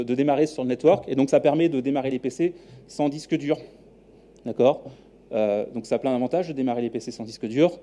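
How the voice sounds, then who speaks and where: Dark-voiced French-accented man giving a talk. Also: medium pitch. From New Caledonia. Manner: relaxed, hesitant with many fillers and restarts. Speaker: software architect giving a meetup talk. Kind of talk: live conference talk. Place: meetup room.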